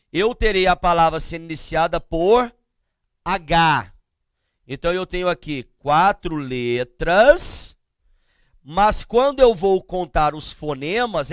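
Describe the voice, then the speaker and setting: Brazilian guy teaching grammar, kinda high voice, slow and deliberate, asks the class stuff then answers it himself. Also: smooth, no room sound, studio quality. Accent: Brazilian Portuguese. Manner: slow and emphatic, spelling out letters and sounds.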